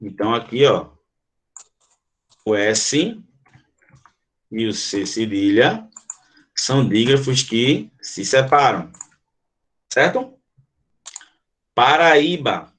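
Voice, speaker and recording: A man's voice: mid-range voice, expressive, slow, pauses often, a bit bright. A Brazilian man teaching an online grammar lesson, explaining step by step and asking the class questions. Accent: Brazilian Portuguese.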